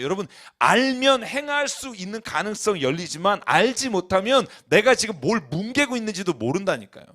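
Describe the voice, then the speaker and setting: A male pastor preaches with fervor, his voice riding a little higher than most men's. He talks bluntly and colloquially, rising to loud, emphatic peaks and then dropping to quiet, low asides. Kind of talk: sermon. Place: church.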